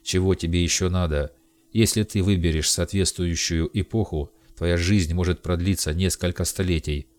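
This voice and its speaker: A man's voice: low voice, steady tone, moderate pace, lightly acted. A man voicing a commanding golden god. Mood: persuasive. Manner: commanding, shouting outbursts. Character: imperious male golden god, turning hysterical. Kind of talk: audiobook character reading.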